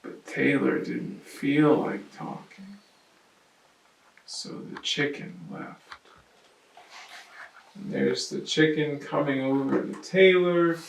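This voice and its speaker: A man reading a children's picture book aloud at storytime and describing the pictures in an animated way, recorded in a roomy space from a distance with faint noise. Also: a little high, vocal fry. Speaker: storytime reader.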